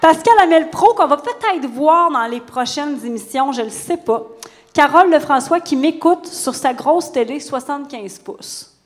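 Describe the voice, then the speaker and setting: A woman's voice: sits high, animated, moderate pace, in a large hall. A Québécois woman hosting a live stage talk show, bubbly and teasing, laughing easily. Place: stage before a live audience.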